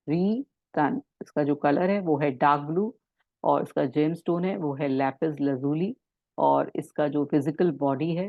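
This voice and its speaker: A woman instructor teaching a spiritual symbol course, explaining in Hindi mixed with English and reading English passages slowly. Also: sits low, no room sound, phone-quality sound.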